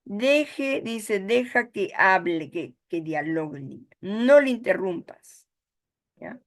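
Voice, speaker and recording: A woman's voice: mid-range voice, expressive, slow. A woman with a Peruvian Spanish accent, teaching a course and often checking in with "¿ya?" and "¿no?". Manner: explanatory, frequent "¿ya?" and "¿no?" checks. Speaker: course instructor. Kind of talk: online lecture.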